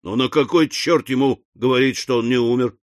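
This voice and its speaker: A man voicing a gruff, blunt older country host in an audiobook. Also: mid-range voice, fairly even intonation, normal speed, dry recording, studio quality, lightly acted. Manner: brusque, gruff.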